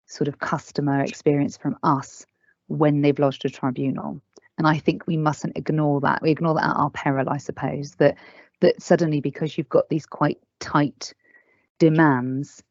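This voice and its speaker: A woman's voice: low voice, darkish tone, dry recording. A woman presenting at an online learning event, answering questions earnestly and candidly. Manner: earnest, candid, emphatic about staff and families. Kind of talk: webinar presentation and Q&A. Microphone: video call. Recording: dull, dry lo-fi call audio.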